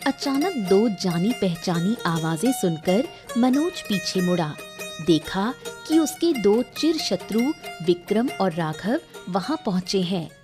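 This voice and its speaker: A woman narrating a cartoon story in a steady scripted storytelling manner. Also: medium pitch, slow pace, music in the background.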